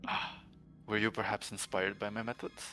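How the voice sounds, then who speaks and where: A man's voice: fairly low pitch, flat delivery, normal speed, sharp tone, faint music behind. A man voicing an arrogant, pompous male engineer villain who talks down to everyone. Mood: smug. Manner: condescending, grandiose.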